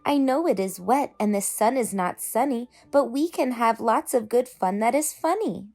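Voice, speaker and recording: A woman's voice: on the high side, expressive, normal speed, a little mellow, faint music behind. A woman voicing a playful, boastful, mischievous male cat from a storybook, in a showy, coaxing sing-song.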